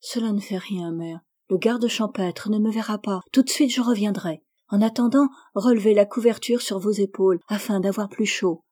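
A woman's voice: medium pitch, moderate pace, few pauses, warm tone, natural voice. A woman reading as an earnest young peasant boy.

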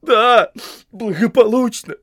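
A man's voice: very high-pitched, slow pace, fairly bright tone, dry recording, studio quality, voice pushed up, exaggerated voice. A man voicing a young, loyal male hobbit servant who talks in a tearful, pleading, folksy way in an audiobook. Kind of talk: audiobook character voice.

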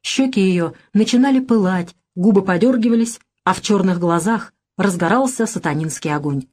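Female audiobook narrator, calm measured storytelling, middle pitch. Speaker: audiobook reader.

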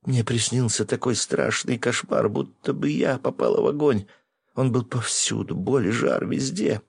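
A man's voice: fairly low pitch, sing-song, moderate pace, husky, voice pushed up, heavily acted. A man voicing a frightened, tearful young woman who wakes after a nightmare, speaking in anxious, breathless bursts.

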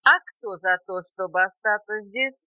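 A woman voicing a tiny, polite, squeaky male beetle in a storybook reading, on a dull cassette tape. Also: unhurried, no room sound, lightly acted. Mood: chirpy. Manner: squeaky, chirpy.

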